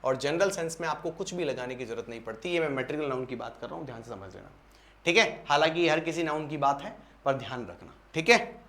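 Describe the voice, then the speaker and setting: A man's voice: on the high side, quick pace, a bit bright. A young Indian man teaching an exam-prep English lesson. He repeats each point and keeps asking the class rhetorical questions.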